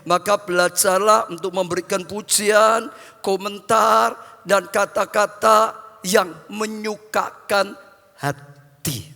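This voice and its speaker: Bright-voiced male pastor in an echoing hall. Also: high voice, fairly even intonation, takes it slowly, creaky. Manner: repetitive, addresses the congregation as brothers. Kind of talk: sermon. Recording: long hall reverb, faint music.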